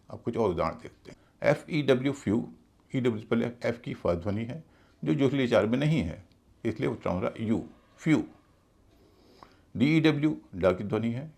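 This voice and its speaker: A man's voice: medium pitch, creaky, a little mellow, husky. A man teaching English pronunciation in a video lesson, spelling out letters and repeating each word methodically.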